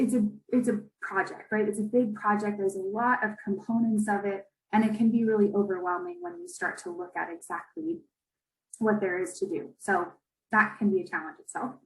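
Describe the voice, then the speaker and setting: Young woman chatting through a zoom talk, says right? a lot, bit echoey room. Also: medium pitch. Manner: conversational, with many fillers and "right?" tags. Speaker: presenter. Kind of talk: online presentation. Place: video call.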